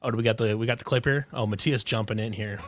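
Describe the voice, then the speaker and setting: A man hosting a casual sports podcast, rambling through restarts and fillers, excitable and swearing freely. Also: lowish voice, fast, soft background music. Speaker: podcast host.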